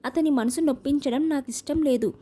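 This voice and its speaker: A woman's voice: high voice, fairly quick, dark tone, close to an everyday voice. A woman voicing a fretful, fond old grandmother in an audio novel, coaxing and chiding.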